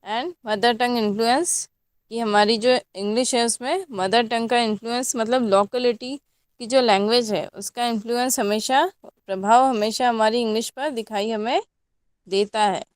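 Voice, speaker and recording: A woman's voice: fairly high pitch, steady tone, moderate pace, clear, resonant tone, dry recording. Indian woman teacher lecturing a class. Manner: explains in mixed Hindi and English, asks the class questions. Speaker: college teacher.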